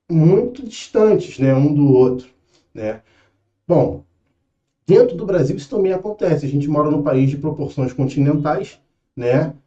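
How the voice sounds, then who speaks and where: A man's voice: on the high side, warm tone, reverberant, muffled recording. A young man with a Rio de Janeiro accent teaching an exam-prep lesson in a casual, patient way, often checking in with his students. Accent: Rio de Janeiro Brazilian Portuguese.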